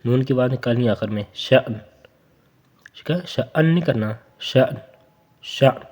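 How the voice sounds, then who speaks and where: A young man teaching Quran reading, drawing out each spelled syllable slowly, then chatting casually between words. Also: medium pitch, a little mellow.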